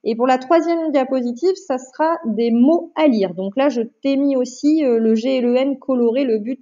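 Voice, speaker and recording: A woman, a primary school teacher, giving a remote phonics lesson to a child, patient and clear, repeating each syllable for dictation. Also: fairly high pitch, dark tone. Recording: dull lo-fi home recording.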